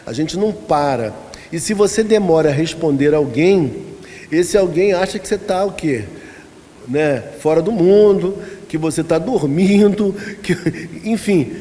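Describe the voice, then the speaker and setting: A man's voice: a little high, lively intonation, unhurried, dark tone. A man with a Brazilian accent, a pastor giving a conversational Bible-study lesson, asking the congregation questions and telling anecdotes. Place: church hall. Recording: reverberant church hall with faint noise.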